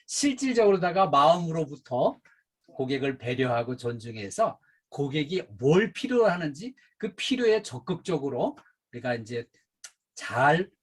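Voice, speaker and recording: A middle-aged man lectures at a staff training session in a lively, swooping voice that rises and falls with emphasis. His tone is somewhat husky, a little higher than most men's, and he leans on fillers as he explains. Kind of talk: safety and customer service training lecture.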